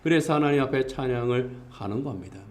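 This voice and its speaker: A man's voice: mid-range voice, animated, a little fast, a little mellow. A male pastor delivering a Sunday sermon, earnest in tone, his voice rising for emphasis and reading scripture aloud. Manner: reads scripture aloud with the congregation.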